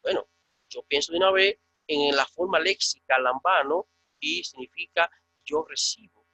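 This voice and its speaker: A man with a Dominican Spanish accent teaching Biblical Greek in an online class, slowly drilling and repeating each word. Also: fairly high pitch, sharp tone, no echo, highs cut off. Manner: slow, repetitive drilling of words.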